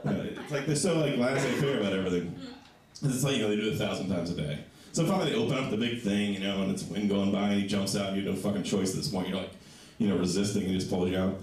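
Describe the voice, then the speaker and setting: A male stand-up comedian with a low voice performs a set in a small comedy club, telling stories animatedly and doing voices for other people. The distant mic gives the club an echoey sound.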